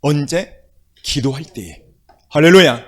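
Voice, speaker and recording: Husky, animated male pastor preaching. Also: on the high side, measured pace. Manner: emphatic storytelling, rising into loud exclamations. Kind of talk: sermon.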